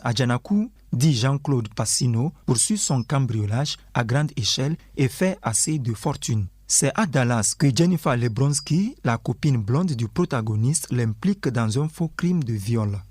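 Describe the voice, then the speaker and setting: A man presenting a literary radio programme, reading a scripted introduction and summary in a measured, formal announcer style. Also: mid-range voice, darkish tone, breathy edge, no room sound.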